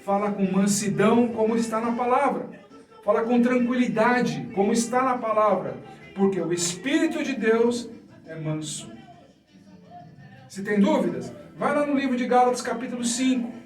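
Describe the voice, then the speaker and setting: High-voiced Brazilian preacher in echoey room. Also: male voice, lively intonation, normal speed, soft background music. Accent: Brazilian Portuguese. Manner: didactic, asks and answers own questions. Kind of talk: sermon teaching. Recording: echoey room, mic at a distance.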